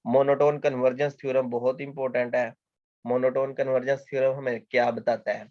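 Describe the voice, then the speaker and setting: A man's voice: mid-range voice, level tone, a little fast, no room sound. Male math lecturer, patient and repetitive, answers his own questions; muffled, dry recording. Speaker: mathematics lecturer. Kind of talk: explanatory lecture.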